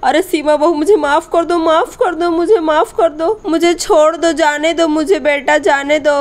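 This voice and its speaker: A woman's voice: high-pitched, fairly even intonation, normal speed, lightly acted. A woman voicing a frightened old village mother-in-law in a doll story, pleading and fearful.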